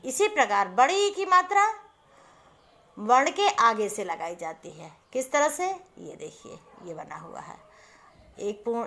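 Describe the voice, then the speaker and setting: A woman's voice: a little high, fairly bright tone. A woman Hindi teacher giving a patient lesson to young children, spelling out letters and words one by one. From India.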